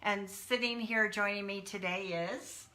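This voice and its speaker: A woman's voice: medium pitch, fairly even intonation, measured pace, pushed and bright. Upbeat woman hosting a coaching live stream. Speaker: CEO and host of a coaching company.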